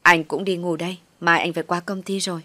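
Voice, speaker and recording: A woman voicing a young husband who calmly reassures his wife. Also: fairly low pitch, quick pace, no echo. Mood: reassuring. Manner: gentle, reassuring.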